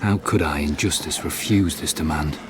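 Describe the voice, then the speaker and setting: An actor playing an earnest, ambitious Arctic expedition captain in a gothic audio drama, solemn and dramatic. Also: male voice, very deep voice, moderate pace. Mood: solemn, haunted. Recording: clear background ambience noise.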